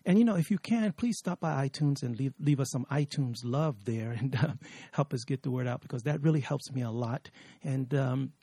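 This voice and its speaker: A middle-aged man hosting a podcast from an office studio, chatty and lively, with many fillers as he talks to his guest. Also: mid-range voice, moderate pace, slightly rough, no room sound. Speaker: podcast host.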